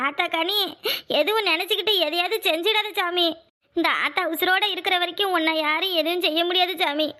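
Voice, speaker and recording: A woman's voice: very high-pitched, bright, forceful tone. A woman voicing an older village mother in a cartoon, frightened for her daughter and fierce toward the family she blames, in a southern Tamil Nadu dialect. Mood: worried. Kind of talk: cartoon voice acting.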